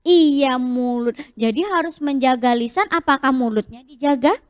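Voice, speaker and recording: Animated high-voiced woman telling kids a story. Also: normal speed, smooth, no room sound, clean studio sound. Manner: animated, questioning the children often. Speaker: children's storyteller. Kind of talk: interactive storytelling for young children.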